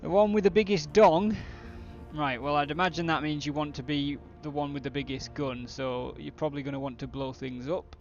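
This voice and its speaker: A man's voice: medium pitch, little pitch movement, brisk, hardly any pauses, fairly bright tone, lo-fi sound, soft background music. A British man doing casual, blokey, sweary game commentary as a streamer chatting with viewers. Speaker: gaming streamer.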